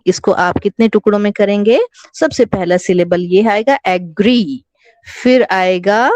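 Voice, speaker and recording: Slow and patient, an Indian-accented woman teaches English to children online, switching between Hindi and English and spelling each word letter by letter while calling the kids "beta". Her voice is medium-pitched and a little mellow, captured on an online class microphone without any echo.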